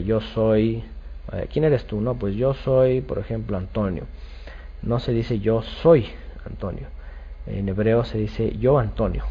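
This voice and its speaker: A man's voice: fairly low pitch, husky, lo-fi sound. A man giving a bible study lecture, explaining step by step and often checking with "ok?" amid hesitant fillers. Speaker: bible teacher.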